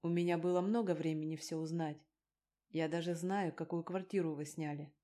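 Woman doing a gruff young man, barking and scornful, dark mellow tone, audiobook reading. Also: deep voice, steady tone, moderate pace, close to an everyday voice. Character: rough angry young man, gruff and threatening.

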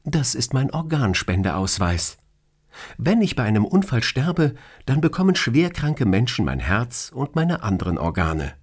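A man voicing a cheerful, teasing woman who is the boss in an audiobook story, raising his voice high and lively for her. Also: measured pace, husky. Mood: explaining. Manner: playful, teasing. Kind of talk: audiobook character reading.

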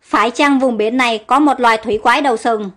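A woman voicing a young, curious, excitable queen who speaks eagerly and commandingly. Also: fairly high pitch, fast talker, faint music behind. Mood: anxious.

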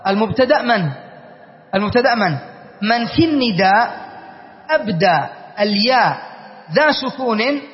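A man teaching a classical Arabic grammar lesson, explaining a verse step by step, repeating key words and checking that his students follow. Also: extremely high pitch. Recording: dull lo-fi audio with long hall reverb.

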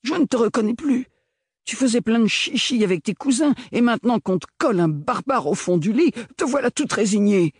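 A man doing a cantankerous elderly great-uncle from a storybook, his voice pushed up high and loud as he scolds and blusters. The voice has a husky grain and sits close and dry. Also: animated, a little fast, no room sound, heavily acted. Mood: indignant. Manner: indignant, scolding outbursts. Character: grumpy old great-uncle, archivist, blustering.

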